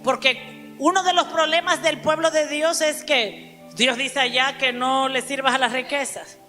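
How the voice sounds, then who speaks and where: A woman preaching a sermon to a congregation, emphatic, calling out to the listeners and spelling out words slowly. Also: high voice, steady tone, sharp tone. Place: church hall. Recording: church hall reverb with faint music.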